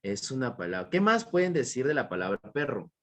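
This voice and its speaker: A man's voice: medium pitch, big pitch swings, brisk, fairly bright tone. A man teaching an online class with a Peruvian Spanish accent, repeating his points and asking students questions. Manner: repetitive, questioning students, praising answers.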